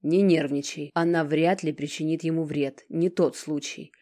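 A protective, firm man from an audiobook, speaking up loudly and urgently, as a woman narrator voices him. The tone is low and dark. He sounds like someone used to taking charge. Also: steady tone, normal speed. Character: protective man, calm investigator.

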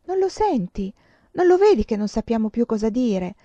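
A woman's voice: a little high, big pitch swings, normal speed, mellow, no echo, dull audio, voice pushed up. A woman voicing an intense, earnest young female student with impassioned, emphatic speech in a storybook reading.

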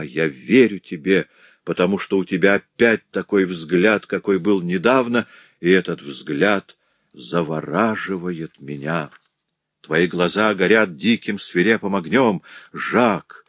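Guy doing a shrill scheming creole woman, high and pushy, audiobook. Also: lively intonation, slow, no room sound, heavily acted. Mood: enraptured. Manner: shrill, theatrically passionate.

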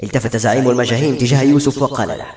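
A man narrating a novel as an audiobook in a brisk, even storytelling manner. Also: mid-range voice. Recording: roomy echo.

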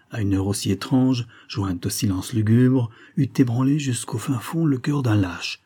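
A man reading a novel aloud as an audiobook narrator, in a steady, dramatic delivery. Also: fairly low pitch, slightly rough. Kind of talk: scripted narration.

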